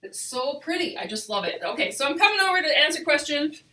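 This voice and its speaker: A woman's voice: sits high, very animated, quick pace, sharp tone, a little hiss or hum. A middle-aged woman chatting enthusiastically and ramblingly as she hosts a casual live craft tutorial, with a hollow, cave-like off-mic sound. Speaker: crafting host and demonstrator.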